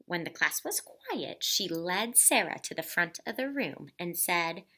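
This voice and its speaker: Slow, expressive woman reading a storybook. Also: lowish voice. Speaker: storybook reader. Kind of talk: expressive children's read-aloud narration.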